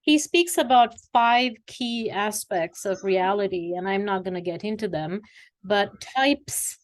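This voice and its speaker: A woman originally from Sri Lanka, now in her forties and working as an executive coach, appears as a guest in a conversational interview. With a mid-range voice and a slightly slow pace, she tells her story thoughtfully and warmly, leaning on fillers.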